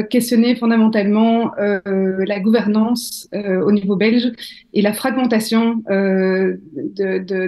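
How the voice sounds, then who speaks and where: A woman on a panel works through her point with many fillers. Her voice sits fairly high. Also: a little mellow. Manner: measured, hesitant argument with many fillers. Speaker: panel guest. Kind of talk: panel discussion.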